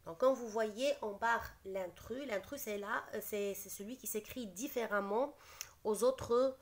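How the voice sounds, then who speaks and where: Woman, schoolteacher, slow and deliberate, repeats every word for the class. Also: fairly high pitch. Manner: explains patiently, repeats each word, switches briefly into Arabic. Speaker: teacher. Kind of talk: slow spelling lesson, reading words aloud.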